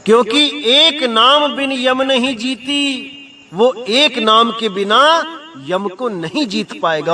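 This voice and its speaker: A man giving a devotional sermon as a spiritual teacher. He chants verses slowly and then explains them, calling his listeners brother. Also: very high-pitched, bright, forceful tone, distant mic.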